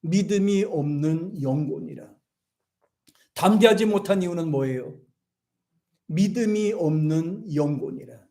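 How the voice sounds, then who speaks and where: A middle-aged man, a pastor, preaching a sermon with rising, emphatic repetitions and slow scripture reading. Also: on the high side, lively intonation, dark tone. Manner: reads scripture slowly with congregation.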